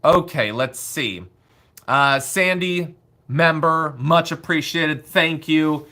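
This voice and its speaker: A man's voice: fairly high pitch, takes it slowly, bright, forceful tone. A man hosting a political show with casual, opinionated commentary, sarcastic and exasperated, swearing freely.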